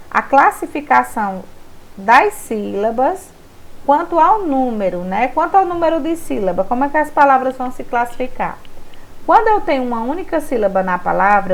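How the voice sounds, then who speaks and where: A young woman with a fairly high voice teaches a recorded remote school lesson, walking through the material step by step and checking in with her students along the way.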